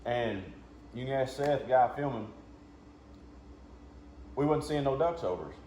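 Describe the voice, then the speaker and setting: A man's voice: medium pitch, animated, a little slow, dark tone. A man giving a casual, hands-on lesson as a duck calling instructor, talking in a folksy, plain-spoken way. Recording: muffled, roomy, with background noise.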